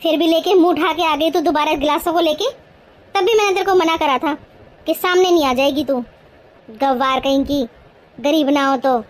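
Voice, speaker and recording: Domineering, greedy middle-aged mother-in-law in a cartoon, very high voice, shrill scolding tone; voice actor. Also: fairly even intonation, measured pace, a little mellow.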